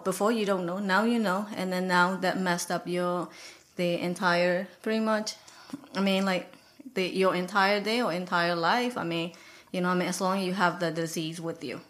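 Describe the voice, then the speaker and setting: A woman's voice: lowish voice, a bit bright. A woman practicing Oriental medicine, explaining in a casual interview, rambling with many fillers.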